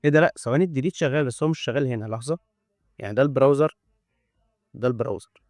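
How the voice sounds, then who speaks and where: A man's voice: medium pitch, very fast, a little mellow, dry recording, studio quality. A man with an Egyptian Arabic accent walks through a coding tool on screen in a casual demo. He chats as he goes, thinks aloud and drops joking asides. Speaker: tech YouTuber.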